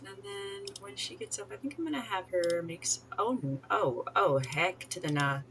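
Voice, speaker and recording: A woman's voice: mid-range voice, lively intonation, normal speed, fairly bright tone, slight background noise. A woman streaming a life-sim game, chatting casually, giggling and talking to the characters on screen. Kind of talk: casual gameplay commentary.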